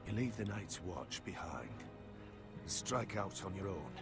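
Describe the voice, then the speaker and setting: A grave old house retainer. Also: male voice, sits low, expressive, creaky, soft background music, full character voice. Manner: measured, solemn and earnest. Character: grave, loyal older male house retainer and uncle. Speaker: loyal family advisor. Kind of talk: video game voice acting.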